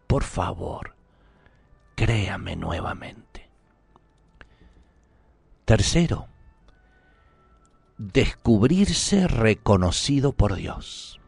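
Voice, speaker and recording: Man, sermon, unhurried, pleading and intimate, close dry sound. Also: lowish voice, animated, creaky, darkish tone, husky, dry recording, soft background music. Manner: slow, earnest, pleading and intimate, dropping to a whisper at times.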